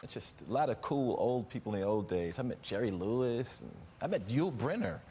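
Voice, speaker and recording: Lively man laughing through his stories. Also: mid-range voice, fairly quick, a little hiss or hum. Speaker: talk show guest. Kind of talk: anecdotal storytelling.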